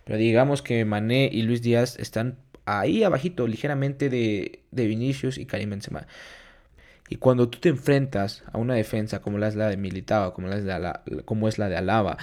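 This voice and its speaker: A man's voice: lowish voice, brisk, a little mellow. A man hosting an unscripted football preview, weighing players against each other and repeating key words for emphasis. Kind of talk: unscripted match analysis.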